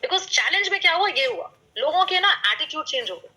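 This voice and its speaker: A woman's voice: very high voice, expressive, brisk, pushed and bright, rough recording. A woman, probably in her thirties, giving a motivational talk at a business meeting. She mixes Hindi and English, asks the audience questions and uses sound words and vivid examples.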